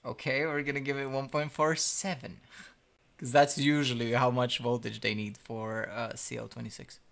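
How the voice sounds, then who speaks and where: A man's voice: mid-range voice, flat delivery, moderate pace, creaky, fairly bright tone. A young man talking casually to himself and his viewers while building a computer, mumbling and slangy. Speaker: PC builder streamer.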